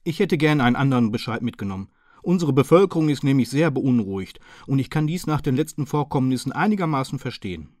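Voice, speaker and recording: A man's voice: medium pitch, expressive, fast, darkish tone, no echo, clean studio sound, pitched above the performer's own voice, close to an everyday voice. A man voicing a slim, polite and modest middle-aged county councillor who speaks earnestly and precisely. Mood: worried.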